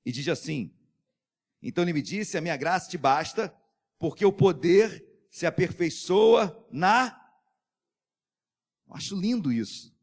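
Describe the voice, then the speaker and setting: Brazilian pastor preaching with big swings. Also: male voice, animated, measured pace, long pauses. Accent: Brazilian Portuguese. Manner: preaching with sudden swings between shouted calls and soft, low asides; calls out to the congregation for amens. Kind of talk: sermon.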